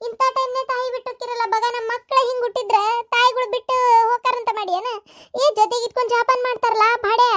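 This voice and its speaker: A woman playing a sharp-tongued village mother with a North Karnataka accent who scolds her family with sarcastic taunts. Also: extremely high pitch, flat delivery, fast. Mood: aggrieved. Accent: North Karnataka Kannada.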